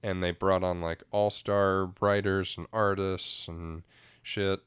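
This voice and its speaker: A man with a very deep, smooth and resonant voice talks casually on a podcast. He explains things in a relaxed, easygoing way and laughs easily. The sound is dry and close. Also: slow, no echo. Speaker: podcast co-host. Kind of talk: casual chat about comics.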